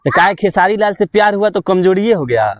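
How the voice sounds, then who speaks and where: Speaking fast in a high, animated voice, a man with a Bihari accent works the phone as a local reporter, pressing and needling his interviewee with casual, confrontational questions. The studio-quality recording has no room sound.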